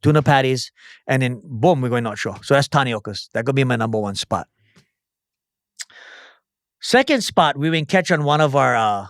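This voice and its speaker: A forthright man in his forties with a Hawaiian Pidgin tinge, talking in a casual, emphatic way and peppering his speech with swearing. His voice sits at a middling pitch, and the recording is dry and close, with no room sound. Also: no room sound. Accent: Hawaiian Pidgin-tinged English. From Oahu, Hawaii. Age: 40s. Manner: blunt, emphatic, profane. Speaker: guest chef and entrepreneur. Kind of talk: casual podcast conversation.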